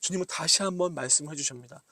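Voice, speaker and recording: A man's voice: a little high, quick pace, bright, forceful tone, no echo. A male pastor preaching a sermon, asking the congregation questions and acting out prayers. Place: church sanctuary.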